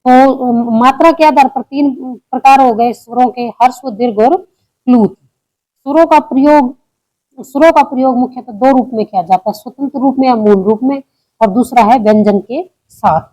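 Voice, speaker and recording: A woman's voice: sits high, moderate pace, dark tone, low-quality recording. A woman teaching a grammar lesson step by step, asking questions and answering them herself.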